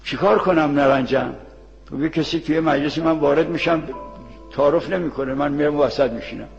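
A man's voice: a little high, creaky. A man, a cleric, giving a plain-spoken moral sermon to seminary students, telling anecdotes and posing questions he then answers himself. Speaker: cleric preacher. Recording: lo-fi archival recording with long reverb and faint music.

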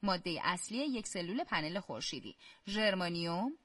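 A woman hosting a quiz show, reading questions slowly and clearly and praising the players. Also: fairly low pitch, lively intonation, a bit bright, no room sound. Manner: slow, carefully spelled-out questions; encouraging praise.

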